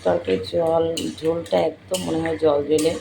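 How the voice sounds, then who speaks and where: A home cook with a voice gone hoarse from a cold, explaining a recipe step by step and addressing viewers as friends. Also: mid-range voice, level tone, moderate pace, noisy background. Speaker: home cook hosting a cooking channel. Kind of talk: cooking tutorial with step-by-step talk. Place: home kitchen. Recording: home kitchen with sizzling and clattering pans.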